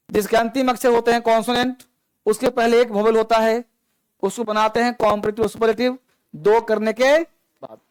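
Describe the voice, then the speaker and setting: A man leads a grammar lesson. He explains slowly and repeats words to drill his students. The recording is dry and close, with no room echo. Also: very high-pitched, smooth. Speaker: teacher.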